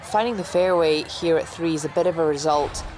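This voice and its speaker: A woman's voice: low voice, a little fast, background noise. A woman giving golf commentary as an on-course reporter, explaining the shot in a matter-of-fact way.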